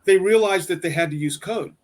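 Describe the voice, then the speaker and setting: A man's voice: high-pitched, a little fast. A man co-hosting a podcast, jumping into the conversation with emphatic remarks in a casual chat. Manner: jumps in with emphatic interjections. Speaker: podcast co-host. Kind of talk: casual political discussion.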